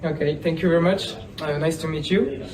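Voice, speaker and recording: A man's voice: a little high, fairly even intonation, brisk. A twenty-year-old man hosting a student panel, politely asking questions. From France. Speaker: host of the student podcast. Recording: distant mic, noisy room.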